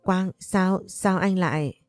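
A woman's voice: on the low side, takes it slowly, darkish tone, no echo, studio quality, soft background music. A woman voicing a betrayed young wife in an audio story, speaking in anguish. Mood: bewildered. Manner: anguished, pleading.

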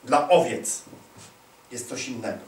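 A man's voice: medium pitch, animated, unhurried, far from the mic. A man preaching an emphatic sermon, repeating lines and calling for answers from the crowd. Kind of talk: charismatic sermon. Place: large hall at a church conference. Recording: echoey hall, voice away from mic.

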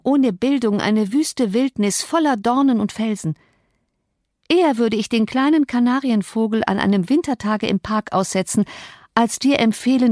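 A woman narrator voices a proud, sharp-tongued young woman in an audiobook. She talks with cutting emphasis. The sound is dry and close. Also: on the high side, no room sound, natural voice.

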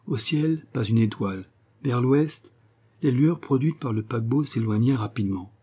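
Mellow husky male audiobook narrator. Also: mid-range voice. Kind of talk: scripted adventure novel narration.

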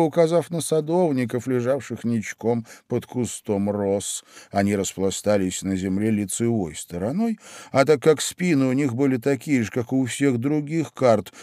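A man narrating a storybook in an expressive, dramatic reading. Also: mid-range voice, dry recording, studio quality.

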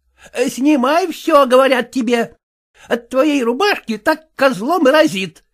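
A hoarse, bossy maidservant barks orders and scolds, as a male reader puts her on. Her voice is rough and commanding, with lively pitch. A coarse storybook woman who brooks no refusal. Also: unhurried, heavily acted. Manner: shouting, scolding. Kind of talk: audiobook character voice.

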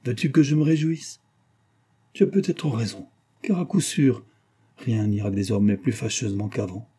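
A man's voice: medium pitch, moderate pace, mellow, husky, natural voice. A man playing Dournov, an anguished father. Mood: anguished bitter. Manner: impassioned, anguished. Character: grieving middle-aged father, bitter and despairing.

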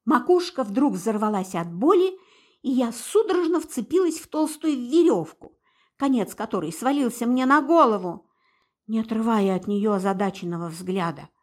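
A woman narrating a first-person novel aloud in an expressive, dramatic storytelling way. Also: on the high side, moderate pace. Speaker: audiobook narrator.

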